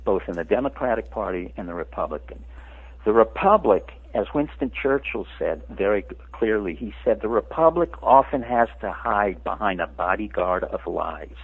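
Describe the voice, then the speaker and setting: A man's voice: lowish voice, sing-song, normal speed, creaky, breathy edge. A man in his seventies who grew up in France, a radio interview guest lecturing in an emphatic way. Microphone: phone. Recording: tinny phone line.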